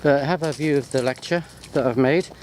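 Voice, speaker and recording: Medium in pitch, a little fast and slightly mellow, this UK man is a university lecturer making a casual, unscripted walking video in botanical gardens. He wanders off topic easily and keeps things jokey. The recording, from a handheld wide-angle sports camera, carries outdoor ambient noise as he walks.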